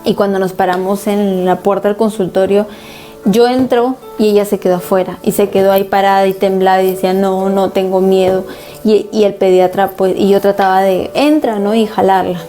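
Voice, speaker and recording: A woman's voice: mid-range voice, fairly even intonation, a little fast, dark tone, soft background music. A woman pastor preaching a sermon and earnestly recounting a personal family story as testimony.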